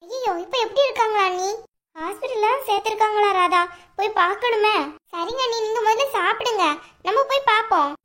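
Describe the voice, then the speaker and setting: A woman voicing a caring young sister-in-law in a cartoon, brisk, reassuring and firm. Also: extremely high pitch, a bit bright. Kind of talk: cartoon voice acting.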